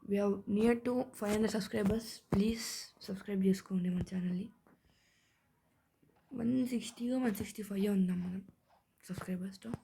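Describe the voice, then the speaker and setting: A woman hosting a gaming channel, giving casual gameplay commentary in soft, mostly whispered speech on a tablet mic. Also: medium pitch, fairly even intonation, normal speed, vocal fry, slight background noise.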